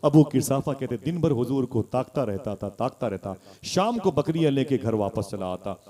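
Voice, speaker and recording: A man's voice: medium pitch, expressive, normal speed, mellow. Emotive male preacher telling a story. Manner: emotive, recites couplets and calls on the crowd. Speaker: Islamic preacher. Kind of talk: storytelling sermon.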